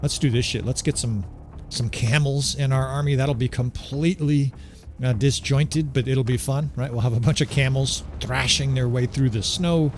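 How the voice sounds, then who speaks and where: A man's voice: mid-range voice, steady tone, moderate pace, slight background noise. A man giving casual, enthusiastic commentary over a strategy game playthrough, often tagging his points with "right?". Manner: chatty, enthusiastic, keeps asking "right?". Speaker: gaming commentator. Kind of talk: gameplay commentary.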